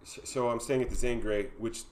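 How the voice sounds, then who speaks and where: A man's voice: mid-range voice, fairly even intonation, fairly quick. A man hosting a casual chat, telling an anecdote in a laid-back, wry way.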